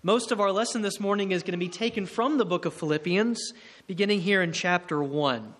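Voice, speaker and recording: A man giving a sermon in a church, earnest and measured, slowing down to stress key words. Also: sits high, a bit bright. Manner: measured, earnest, slows for emphasis. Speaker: preacher. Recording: long reverb in a hall.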